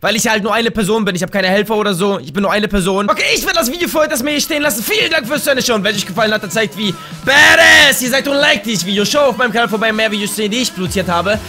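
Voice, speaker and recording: A young man with a German accent talks through a shooter match as live commentary. His voice sits very high and sounds bright and forceful. He trash-talks the other players and keeps bursting into excited shouts. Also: very fast, hardly any pauses, soft background music. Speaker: gaming YouTuber.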